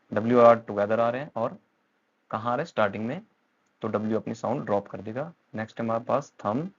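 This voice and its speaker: A man runs an English pronunciation lesson at a steady middle pitch, walking through each rule step by step. He switches between Hindi and English as he explains. The recording sounds a little dull and lo-fi. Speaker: English teacher.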